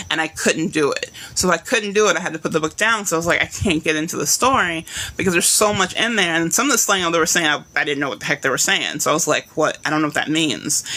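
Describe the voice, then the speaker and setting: A woman's voice: fairly low pitch, pushed and bright. A woman teaching a live online writing class, talking in a chatty way and acting out readers' reactions.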